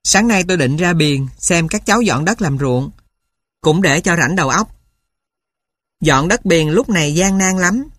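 A woman narrates a first-person story, with a steady storytelling pace. Her voice sits low for a woman. The recording is dry and close, with no room echo. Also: measured pace. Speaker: audiobook narrator.

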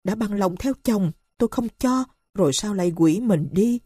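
A woman's voice: mid-range voice, expressive, normal speed, mellow, slightly rough, no echo, studio quality. A woman voicing an anxious male friend who keeps questioning and exclaiming in alarm.

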